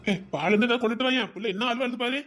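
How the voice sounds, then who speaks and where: A woman's voice: on the high side, racing, a bit bright, faint music behind, lightly acted. A woman voicing an anxious young village man who fusses over a crying baby, with a Tirunelveli Tamil accent. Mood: fussing. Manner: anxious, fussing. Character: fussing young village man, worried and busy. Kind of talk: Tamil serial drama dialogue.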